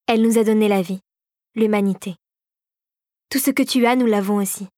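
A grave, regal fairy queen from a storybook, as a woman reader puts her on, speaking low and solemnly with slow, measured weight. The voice sits a little lower than the narration, and the recording is dry and close. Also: steady tone, dark tone, no echo, natural voice. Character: grave, regal female sugar plum fairy.

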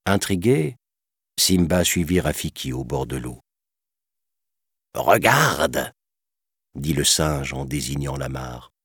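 A man reading a storybook aloud in a calm, measured narration. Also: extremely low pitch, breathy edge, no room sound, studio quality.

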